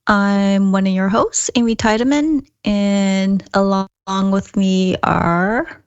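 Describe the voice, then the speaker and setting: A woman's voice: medium pitch, fairly even intonation, slow, clear, resonant tone, no room sound, dull audio. A woman hosting a podcast in casual conversation. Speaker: podcast co-host. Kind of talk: casual chat.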